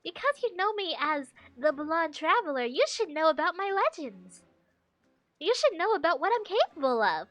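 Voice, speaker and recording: A woman's voice: very high voice, very animated, normal speed, fairly bright tone, no echo, soft background music. A woman streamer giving casual, joking commentary while playing a game, often giggling.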